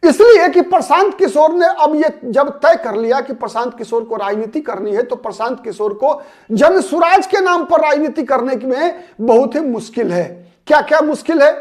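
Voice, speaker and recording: A man's voice: very high voice, animated, moderate pace. A man hosting his own channel, giving solo political commentary. He talks analytically, repeats key names and words, and asks rhetorical questions before answering them himself.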